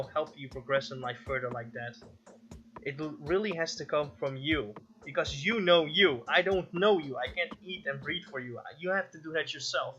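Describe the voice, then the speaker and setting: A man's voice: medium pitch, fairly bright tone. A man casually commenting on a game he plays, reading its text aloud and musing to himself with restarts and self-corrections. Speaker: gaming video host. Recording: slightly dull lo-fi audio with faint game music.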